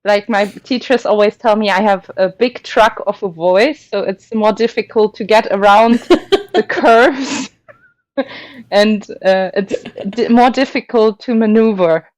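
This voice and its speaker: A woman with a medium-pitched, dry-sounding voice speaks unhurriedly as a hesitant guest in a casual interview about opera. She's thoughtful and tentative, full of fillers and restarts, and laughs often.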